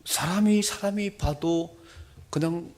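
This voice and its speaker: A middle-aged male pastor preaching a sermon, moving between soft murmurs and loud emphatic lines. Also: a little high, slow.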